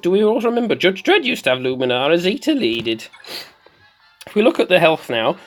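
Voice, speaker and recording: In a put-on comic voice of medium pitch, a performer plays a slightly mad, excitable woman commentating on a video game. The delivery is theatrical, repeating phrases for effect and swooping from squeals to murmurs.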